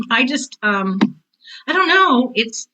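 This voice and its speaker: Her voice sits a little high, swinging widely in pitch as she draws out words, bright and forceful. This middle-aged or older woman, a theater teacher and author, casually tells personal stories as an interview guest, candid and emphatic and repeating phrases for stress. The recording is rough.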